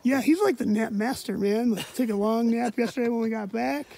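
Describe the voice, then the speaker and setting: A woman's voice: fairly high pitch, a little fast, gravelly, warm tone. Upbeat woman vlogging at a snowy camp. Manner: upbeat, chatty, laughs easily. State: a little out of breath at times. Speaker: vlogger, host of the hiking channel. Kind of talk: casual outdoor vlog chat. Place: outdoors at a snowy winter campsite.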